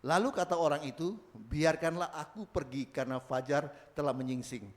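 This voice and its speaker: Emphatic male preacher with a higher voice. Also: normal speed. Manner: emphatic, swings from loud proclaiming to quiet asides. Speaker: pastor. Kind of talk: sermon. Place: church service.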